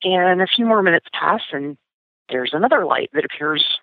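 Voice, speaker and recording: A woman's voice: on the low side, expressive, normal speed, no room sound. A woman casually recounting a personal experience as a guest, talking with many fillers and restarts. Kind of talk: casual storytelling. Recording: tinny phone line, dry.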